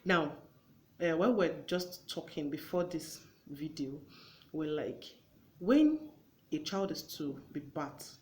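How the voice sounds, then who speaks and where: A woman's voice: sits low, expressive, slow pace, a little mellow. A woman hosting a conversational talk show. She gives earnest advice and acts out everyday exchanges as she goes.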